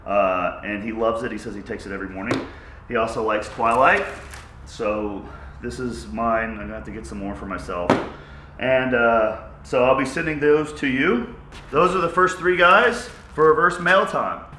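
A man in his thirties chatting casually to camera for a fitness vlog, goofy and excitable, jumping between loud bursts and low asides. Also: moderate pace, noisy background. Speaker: fitness vlogger. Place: echoey home gym. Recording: echoey room.

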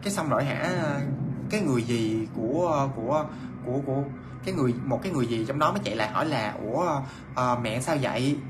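A man retells a ghost story in a loose, conversational way, stumbling over his words and circling back on them. His voice sits at an ordinary middle pitch, with faint background noise. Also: expressive, fast. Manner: chatty, repeats himself, many fillers and restarts. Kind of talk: casual storytelling.

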